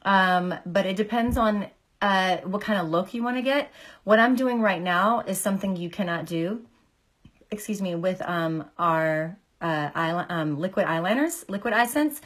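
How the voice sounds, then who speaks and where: A makeup artist and beauty seller in her forties chats through a casual tutorial at a moderate pace, her voice deeper while she recovers from illness. Full of filler words, she greets viewers by name, recorded on a phone camera held at arm's length in a small indoor room.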